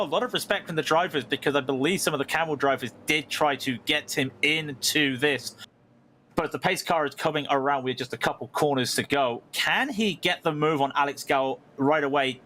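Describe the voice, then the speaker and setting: Male motorsport commentator, second seat: high, forceful voice, conversational live race analysis in short phrases. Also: slight background noise. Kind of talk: live sim racing commentary and replay analysis.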